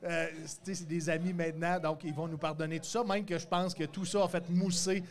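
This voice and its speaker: A podcast host conducts a casual interview in a dark studio lit with neon, speaking into a handheld mic. His pitch is fairly high, his delivery flat and a little fast.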